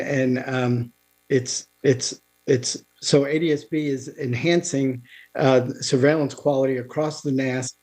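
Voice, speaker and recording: A man giving an informal technical talk over a remote call, halting, with many restarts and fillers. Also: medium pitch, darkish tone. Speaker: guest speaker on aviation technology. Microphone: remote video call.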